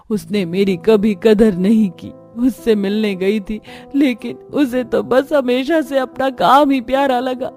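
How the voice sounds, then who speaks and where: A woman voicing a poor, aging mother in a cartoon story, speaking softly and sadly. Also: lowish voice. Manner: soft, subdued and pleading.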